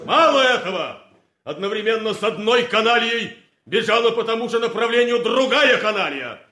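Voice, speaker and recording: A stern colonel, high-pitched, echoing. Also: male voice, lively intonation, pushed and bright, some chatter behind. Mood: bitterly sarcastic. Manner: deliberate declamatory commands with heavy pauses. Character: stern commanding army colonel, bitterly sarcastic, weary. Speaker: commanding officer. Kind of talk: theatrical period military drama. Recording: echoey hall.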